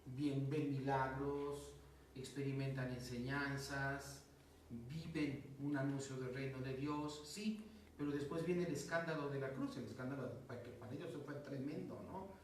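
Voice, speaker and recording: A man's voice: mid-range voice, fairly even intonation, unhurried. A man with a Mexican accent, a priest teaching a casual Bible class, talking things through with fillers and rhetorical questions. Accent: Mexican Spanish. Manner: conversational, explains with many fillers and rhetorical questions. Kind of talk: informal Bible class explanation. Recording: roomy echo, distant mic, faint noise.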